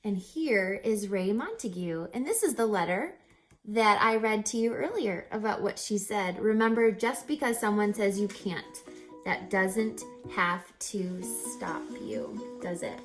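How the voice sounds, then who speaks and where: Soft music plays behind a woman reading a children's story as a teacher, her medium-pitched voice expressive and her pace measured. She reads dramatically and emphatically, tossing rhetorical questions to her audience and adding teacherly asides.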